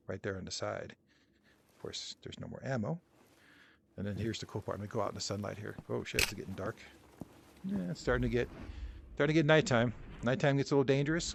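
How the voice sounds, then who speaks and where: A man's voice: medium pitch, creaky. A man giving casual, rambling VR gameplay commentary, joking and poking fun at himself, in a noisy recording. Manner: rambling, joking, self-deprecating. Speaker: VR game video creator.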